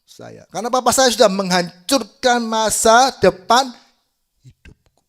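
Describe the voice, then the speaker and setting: A man's voice: drawn-out words, heavily acted. A man voicing an anguished young woman crying out. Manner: crying out, high and loud. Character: young woman, anguished and furious at her father.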